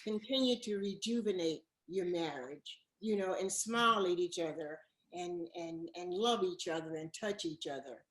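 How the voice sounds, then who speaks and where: A woman's voice: fairly low pitch, normal speed, hardly any pauses, a bit bright. A woman in her eighties, a guest in a casual interview, speaking earnestly and repeating words for emphasis. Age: 80s. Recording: echoey room.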